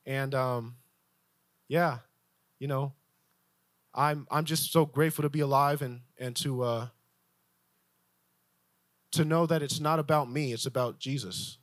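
A young adult man giving a personal church testimony, halting, with many fillers and restarts. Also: medium pitch, fairly even intonation, no room sound.

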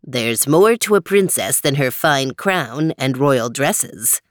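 A small green storybook frog, polite and patient, voiced by a woman who drops into a deep, unhurried register. He talks slowly and low, over a dry, close sound with no room echo. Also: expressive, full character voice. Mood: calm, earnest.

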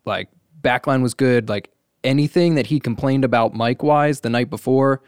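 Brief: mid-pitched male host, relaxed and chatty, dry close recording. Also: moderate pace, clear, resonant tone, no room sound. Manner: casual, heavy use of like. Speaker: podcast host and audio tech. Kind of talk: casual podcast conversation.

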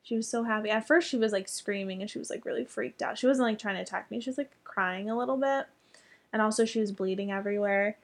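A woman's voice: medium pitch, fast, vocal fry. Chatty young woman telling a story. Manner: chatty, lots of fillers, casual swearing. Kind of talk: casual storytelling chat.

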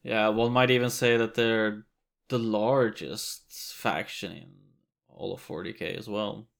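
A man's voice: fairly low pitch, steady tone, unhurried, gravelly. A man co-hosting a podcast in casual chat, laughing often and swearing casually. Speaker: podcast co-host.

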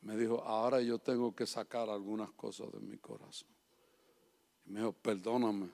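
A man preaching a sermon, moving between quiet personal stories and loud, impassioned appeals. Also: lowish voice, fairly even intonation, normal speed. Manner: swings from soft storytelling to loud impassioned preaching.

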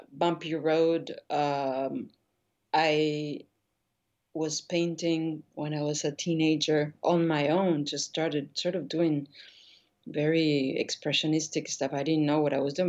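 A woman's voice: low-pitched, a little mellow, muffled recording. A middle-aged woman from Argentina, a painter being interviewed, talking in a thoughtful, hesitant way with many restarts. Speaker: guest painter. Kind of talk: casual interview conversation.

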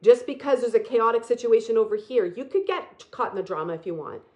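A woman giving an earnest spiritual talk, repeating phrases and slowing down to stress key words. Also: fairly high pitch, animated, darkish tone. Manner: earnest, repetitive, emphatic and slow on key phrases. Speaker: spiritual speaker.

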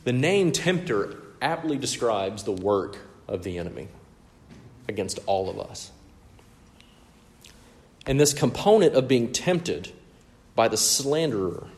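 A man with a Mississippi drawl preaching a sermon as a pastor, phrasing deliberately and with emphasis. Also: mid-range voice. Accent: Mississippi drawl, Southern US. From Mississippi, United States. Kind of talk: expository sermon with scripture readings.

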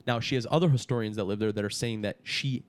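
A man's voice: lowish voice, fast. A man chatting casually on a podcast as a guest, peppering his talk with "dude". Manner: casual, says dude a lot.

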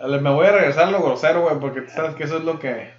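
A man's voice: fairly high pitch, very fast. A man with a Mexican Spanish accent casually telling crude jokes full of slang. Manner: crude slangy storytelling, bursts of loud laughter. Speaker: podcast co-host telling jokes. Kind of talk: casual joke-telling chat. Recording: roomy, dull lo-fi sound.

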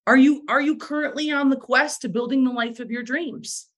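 A woman's voice: high voice, steady tone, moderate pace, a bit bright. A woman giving a motivational talk to a sales team, emphatic and repeating phrases for effect, with a bit of morning voice. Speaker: direct sales team leader.

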